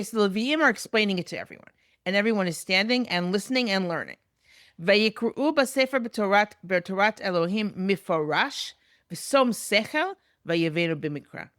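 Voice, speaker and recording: A woman's voice: medium pitch, fairly bright tone, no echo. Woman teaching Bible text, dry sound. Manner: reads Hebrew verses aloud, then translates and explains. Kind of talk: recorded lecture.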